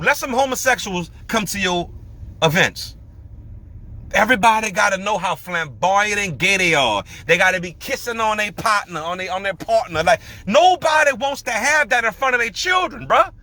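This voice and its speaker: A man hosting a podcast, telling stories and giving emphatic, slangy opinions in casual commentary. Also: sits high. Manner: animated storytelling, emphatic, slangy. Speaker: podcast host.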